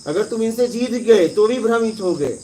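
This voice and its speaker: A man with a notably high-pitched voice gives a spiritual discourse in a relaxed, conversational way. He tells parables and keeps checking that his listeners follow, over a faint hiss of background noise. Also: moderate pace. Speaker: spiritual teacher.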